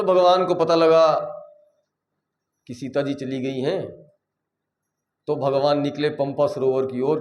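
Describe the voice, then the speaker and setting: A man's voice: mid-range voice, darkish tone, reverberant. A male preacher giving a devotional discourse, exhorting the audience and putting questions to them. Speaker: spiritual preacher.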